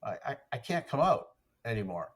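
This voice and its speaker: A man's voice: mid-range voice, big pitch swings, a little fast. A man quoting a hesitant teenage boy athlete. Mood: apologetic.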